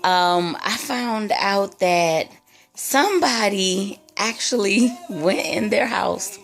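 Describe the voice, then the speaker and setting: A woman's voice: medium pitch, slow pace, soft background music. A young woman casually retelling a personal story for her vlog, rambling and padding her sentences with "like" and "you know.". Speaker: vlogger telling a personal story.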